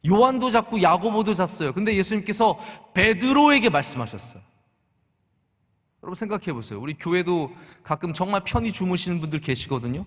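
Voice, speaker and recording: A middle-aged man preaching a sermon as pastor, talking conversationally and asking the congregation rhetorical questions. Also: high voice. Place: church sanctuary. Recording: long church hall reverb.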